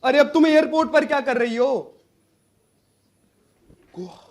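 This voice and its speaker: A man's voice: extremely high pitch, a little slow. An Indian-accented man playing a harried accountant pleading with his wife on the phone. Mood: irritated. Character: harried male accountant juggling angry wife. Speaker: chartered accountant. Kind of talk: stage drama acting.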